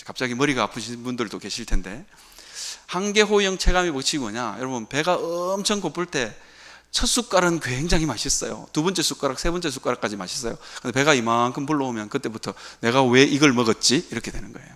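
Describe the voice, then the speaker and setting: A man's voice: mid-range voice, expressive, fast, pushed and bright. A man preaching a sermon as a pastor, asking rhetorical questions and answering them himself. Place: church sanctuary.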